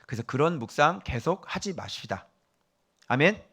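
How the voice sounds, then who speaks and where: A middle-aged male pastor delivering a sermon, scolding and quizzing his listeners, jumping from loud emphasis down to hushed whispers. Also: a little high, sing-song, moderate pace, slightly rough. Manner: scolding, asks the congregation questions.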